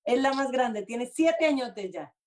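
A woman co-hosts a chatty show over a video call, lively and warm with her children. Her voice sits high. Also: unhurried, a crowd in the background. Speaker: co-host. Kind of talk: casual TV chat.

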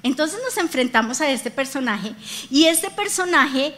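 A woman's voice: high voice, animated, a little slow, fairly bright tone. A woman pastor preaching a sermon, telling stories animatedly and talking straight to her congregation. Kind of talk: lively sermon with acted-out dialogue. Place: church.

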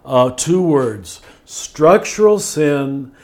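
An older man speaking as a spiritual teacher in a podcast conversation, thoughtful and measured, slowing down to stress key words. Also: a little high, expressive, a little mellow.

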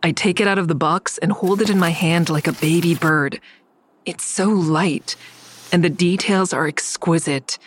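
An actress voices a guarded, defiant woman in an audio drama, narrating in the first person and speaking in dialogue with a terse, dry, confiding manner. Her lowish voice moves at a normal speed and is lightly acted, the mood tense, with faint music underneath and a little hiss or hum.

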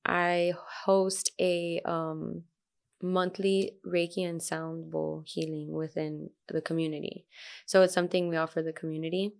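A woman's voice: fairly low pitch, flat delivery, a little slow, vocal fry, a little mellow. A young adult woman, a sound healer guest, telling a story in casual chat, full of fillers and quoted asides.

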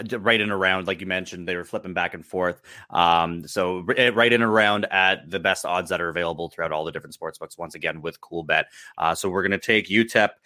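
A low-pitched man with a bright, forceful edge to his voice runs through his betting picks. He keeps it loose and profane, laughing as he goes. The sound is close and dry. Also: no echo. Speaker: sports betting podcast host. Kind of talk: casual betting picks chat.

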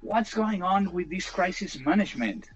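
A man's voice: sits high, animated, moderate pace, breathy edge, muffled recording. A man whose first language is Spanish, hosting an interview and asking questions in English hesitantly, with a Spanish accent. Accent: Spanish-speaking. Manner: hesitant, many fillers and restarts. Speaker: podcast host, interviewer.

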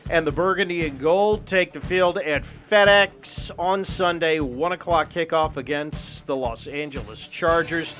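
A man's voice: a little high, measured pace, few pauses, a bit bright, soft background music. A man hosting a sports show, talking and reading ads energetically in punchy, emphatic short phrases. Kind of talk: energetic sports talk and ad read.

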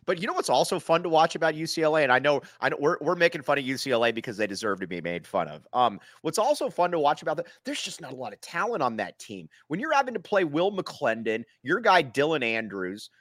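A man's voice: a little high, big pitch swings, quick pace, few pauses, fairly bright tone, dry recording, clean studio sound. A man co-hosting a sports podcast in casual chat, laughing often and trailing off with fillers while he hunts for names. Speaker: podcast co-host.

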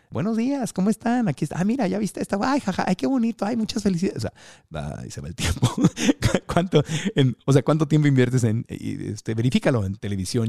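A man's voice: fairly low pitch, warm tone, no echo, studio quality. A man from Tijuana with a Mexican accent, hosting a motivational podcast and coaching listeners with many questions. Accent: Mexican Spanish.

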